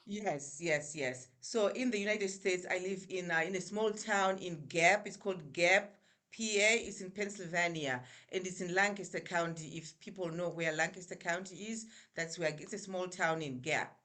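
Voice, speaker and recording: A middle-aged woman with a Zimbabwean accent tells her story as a guest in a casual interview over a remote call. Her voice is on the low side and fairly bright, at normal speed, and she's chatty, with many fillers and restarts.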